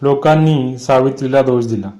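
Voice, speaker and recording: A man voicing a grave, haunted old village man who speaks slowly in a lowered voice. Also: mellow, close to an everyday voice.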